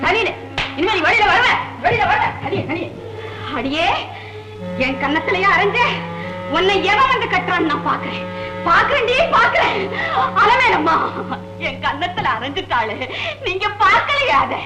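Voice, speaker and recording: An actress playing a fussy comic housewife who wails and shrieks, on an old film soundtrack. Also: female voice, very high-pitched, lively intonation, normal speed, echoey room, loud music behind the voice, low-quality recording. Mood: shrieking. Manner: exaggerated wailing and shrieking. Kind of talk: 1960s Tamil film comedy acting.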